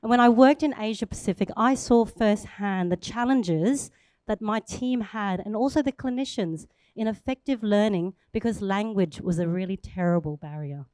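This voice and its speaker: A native Thai speaker from Thailand, this woman in her forties pitches a startup on stage in a cheerful, talkative way and laughs at herself now and then. She speaks at a normal speed with a darkish tone, in a dry recording.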